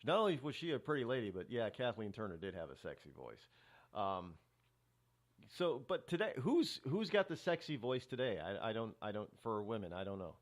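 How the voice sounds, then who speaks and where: A middle-aged man talks his way through a casual talk-show monologue, his voice rising and falling in wide, animated swings. He rambles, stops and restarts, and fills the gaps with hesitant filler sounds. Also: fairly low pitch, brisk.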